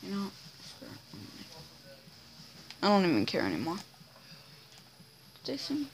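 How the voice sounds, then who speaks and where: Slow-talking woman doing game commentary. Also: fairly low pitch, wildly swooping pitch, vocal fry, slight background noise, low-quality recording. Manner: exasperated, talking to herself and the game. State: hiccuping. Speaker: gamer playing on a channel. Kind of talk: casual gameplay commentary.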